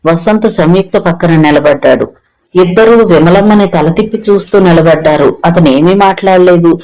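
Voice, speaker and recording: A man with a notably high voice narrates a novel in an audiobook reading. His delivery is steady and even, keeping to a calm storybook pace. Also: normal speed, poor audio.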